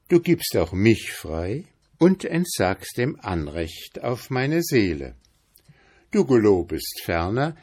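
A crafty young journeyman from a fairy tale, polite on the surface but quietly mocking, as a man plays him. He talks slowly and lets his pitch rise and fall with a lively range. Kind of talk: fairy tale read aloud.

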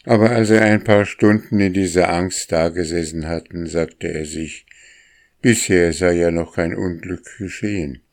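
A man calmly narrating a storybook as an audiobook. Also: low voice. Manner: calm, unhurried storytelling.

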